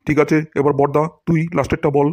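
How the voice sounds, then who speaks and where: A man's voice: on the high side, little pitch movement, quick pace, a little mellow, no echo, lightly acted. A man playing a pompous scolding cartoon teacher. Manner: pompous, scolding, theatrical demonstrations of words. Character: boastful, scolding male English teacher. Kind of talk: cartoon voice acting.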